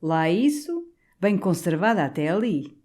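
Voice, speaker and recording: A woman voicing a portly, jovial older male canon, talking in an animated, confiding, doting way. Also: high-pitched, measured pace.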